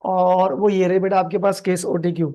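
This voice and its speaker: Male accounting tutor with a Pakistani accent and a mellow voice. He reads case text word by word and coaxes the class along. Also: high-pitched, flat delivery. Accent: Pakistani Urdu. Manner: explains slowly in Hindi-Urdu with English terms, calls students "beta"; reads English passages very slowly and deliberately. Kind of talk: recorded video lecture.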